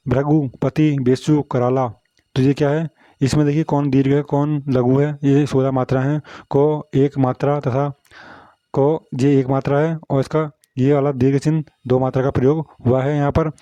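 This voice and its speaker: A man's voice: medium pitch, warm tone, dry recording, dull audio. A man teaching a Hindi grammar lesson, explaining punctuation marks and often asking whether students understood. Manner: repetitive, asks "samjhe?" often.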